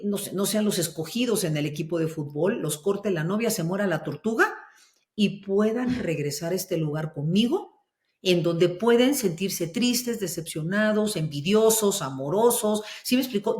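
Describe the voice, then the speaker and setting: Slow, deliberate woman in an echoey room. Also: mid-range voice, a little mellow. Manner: slow, deliberate, lists examples. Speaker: parenting expert guest. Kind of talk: calm explanatory podcast talk.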